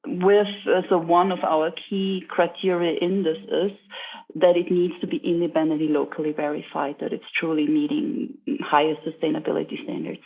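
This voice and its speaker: A woman speaks with a gravelly, creaky edge to her voice. She answers earnestly and stops often to search for words. The sound is thin and phone-like. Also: low-pitched, level tone. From Austria. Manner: earnest, pausing often with fillers. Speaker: guest, social entrepreneur. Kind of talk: reflective interview answers. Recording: tinny phone-like line.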